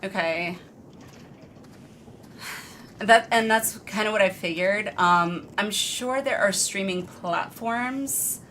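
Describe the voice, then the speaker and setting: A woman's voice: medium pitch, slow pace, pauses often, a bit bright, a little hiss or hum. A woman live streamer chatting casually with her viewers in an informal, rambling, self-deprecating way. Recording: music behind the voice. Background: background music.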